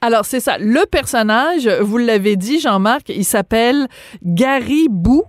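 A woman's voice: on the high side, animated, unhurried, dry recording, clean studio sound. A woman, hosting a radio interview and asking playful, teasing questions. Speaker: radio host.

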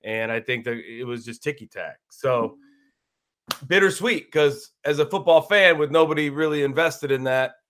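A man co-hosting a sports talk radio show, relaxed and reflective. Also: medium pitch, moderate pace. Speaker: radio co-host.

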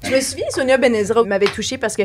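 Franco-Ontarian woman guest, quick and earnest. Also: on the high side, a little hiss or hum. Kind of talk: casual reminiscing chat.

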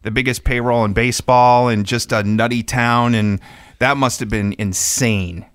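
Radio host: man, casual and jokey, quick to interject. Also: mid-range voice, fairly even intonation, clear, resonant tone. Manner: chatty, jokey, eager interjections.

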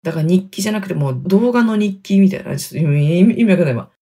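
A woman around thirty from Hokkaido, hosting her own podcast with chatty, self-deprecating solo talk, speaking quietly from inside a closet. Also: lowish voice, expressive, rapid-fire, slightly rough. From Hokkaido, Japan. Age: 30s. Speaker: podcast host. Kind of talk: casual solo podcast chat. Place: inside a closet in a wooden apartment studio. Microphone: computer mic in closet.

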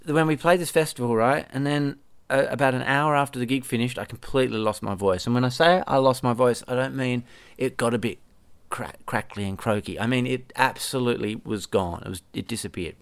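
On his solo podcast, a Perth musician and host chats in a rambling, casual way, frequently correcting himself and sometimes swearing. His mid-range voice is clear and resonant, he talks fairly quickly, and the recording is dry.

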